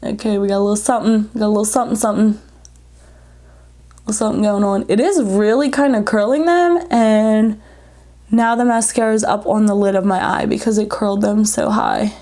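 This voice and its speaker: A beauty vlogger with a warm, mid-range voice talks to the camera at a brisk, steady clip while she applies and reviews makeup. She's informal and blunt, tossing in jokey asides, though allergies leave her congested and so short of breath she's nearly hyperventilating.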